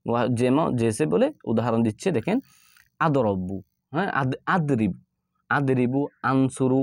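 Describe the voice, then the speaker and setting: A man teaching an Arabic grammar lesson, explaining step by step and repeating his points with frequent pauses. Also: medium pitch, lively intonation, dry recording, clean studio sound. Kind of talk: classroom-style grammar lesson.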